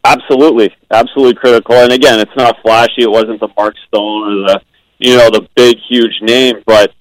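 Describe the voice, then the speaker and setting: A former goaltender calls in to a radio show to give hockey analysis over a phone line. His mid-range voice is measured, with fairly even intonation and frequent ums and restarts. There is no echo.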